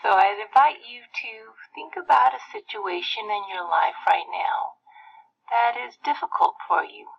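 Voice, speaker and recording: A woman guides a meditation in a soft, breathy voice that often thins toward a whisper, with some creak in it. She leaves gentle pauses between phrases. The recording is muffled and lo-fi. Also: medium pitch. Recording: muffled lo-fi playback.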